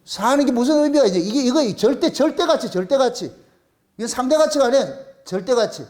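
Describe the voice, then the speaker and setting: Man, Gyeongsang accent, pastor, sermon, high voice, rhetorical questions. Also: brisk. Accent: Gyeongsang dialect. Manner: animated, colloquial preaching full of rhetorical questions.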